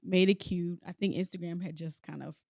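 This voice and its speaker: Easygoing soft-spoken woman from Dallas. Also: on the low side, fairly even intonation, fairly quick, gravelly, dry recording, studio quality. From Dallas, Texas. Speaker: interior designer, podcast guest. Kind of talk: casual interview chat.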